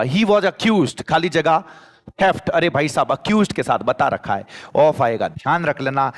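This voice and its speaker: A man with a Rajasthani accent teaching an exam-prep grammar lesson, reading example sentences slowly and repeating catchphrases. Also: mid-range voice.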